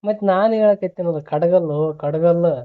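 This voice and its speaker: Speaking at normal speed in a high voice, a man with a North Karnataka accent banters casually on a phone call, needling and scolding as he repeats his questions. The band-limited phone recording is noisy.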